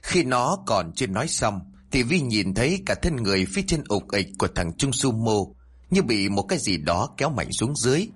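Husky male storyteller, expressive. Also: mid-range voice, a little fast. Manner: expressive, does all the voices. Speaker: narrator. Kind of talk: scripted horror story narration.

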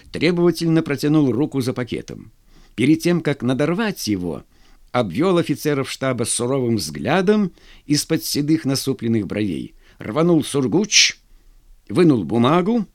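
Expressive male audiobook narrator. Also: mid-range voice. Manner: expressive, storytelling.

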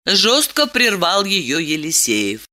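A woman narrating a novel in an expressive, dramatic storytelling manner. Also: on the low side, slow. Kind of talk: audiobook reading.

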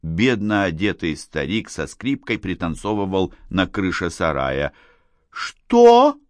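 A man narrating an audiobook with a lively, expressive reading. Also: low voice, measured pace, dry recording, clean studio sound.

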